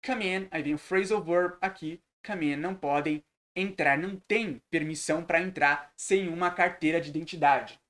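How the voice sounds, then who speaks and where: A man teaching a recorded lesson, translating sentences phrase by phrase and repeating words slowly. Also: fairly high pitch, a bit bright. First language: Portuguese. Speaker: English teacher.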